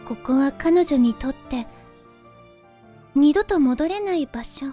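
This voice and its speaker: A woman voicing a soft, calm and gently teasing young woman who guards a moonlit forest, in a voice drama. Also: sits high, takes it slowly, faint music behind. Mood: gentle. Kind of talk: voice drama acting.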